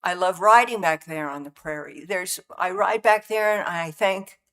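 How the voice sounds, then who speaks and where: A woman's voice: lowish voice, moderate pace, fairly bright tone. A seventy-year-old woman speaking at a county meeting, heartfelt and near tears, speaking of God and the prairie. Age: 70s. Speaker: rancher neighbor giving public comment. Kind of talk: public comment at a county meeting. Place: county commission meeting room.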